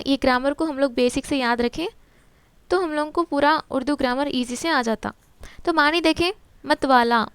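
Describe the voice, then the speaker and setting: This is a woman teaching a grammar lesson from a textbook, her voice pitched high and recorded close with no room sound. She asks each question and then answers it herself, patiently, and mixes English words into her Urdu. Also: smooth, no echo. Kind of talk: explaining a textbook to students.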